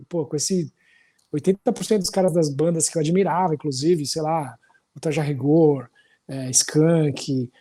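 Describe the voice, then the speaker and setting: Relaxed and rambling, this São Paulo musician chats as a podcast guest, sharing stories and frequently tossing in tag questions. His mellow voice has a fairly high pitch, and his accent is Paulistano Brazilian Portuguese.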